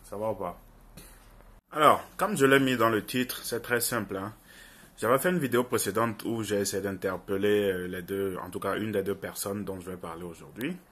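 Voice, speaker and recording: A young adult man speaks to viewers in an informal opinion monologue, his Francophone African accent clear. His lowish voice has a fairly bright tone and a breathy edge, at normal speed. An online video commentator, he argues earnestly and insistently, repeating phrases for emphasis.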